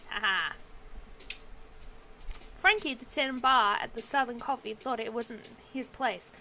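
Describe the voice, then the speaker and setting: A woman's voice: high-pitched, a bit bright, a little hiss or hum. A woman streamer reading detective game narration aloud, breaking off for sudden outbursts and swearing. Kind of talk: reading game text aloud with casual reactions.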